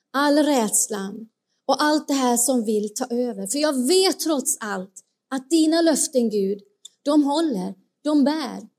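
A woman preaching a sermon, earnest and asking her listeners direct questions, dropping to a hush when she quotes a whisper. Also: fairly high pitch.

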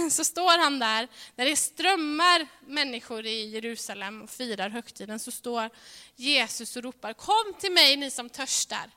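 Earnest woman preaching in a reverberant hall. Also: a little high. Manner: earnest, swings between ringing emphasis and hushed softness. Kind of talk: sermon.

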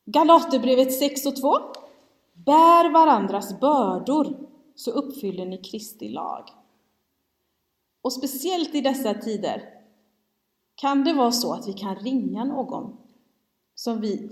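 Svensk kvinna som predikar i en kyrksal. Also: female voice, on the high side. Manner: candid storytelling, self-mocking. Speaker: preacher. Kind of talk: sermon. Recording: long hall reverb.

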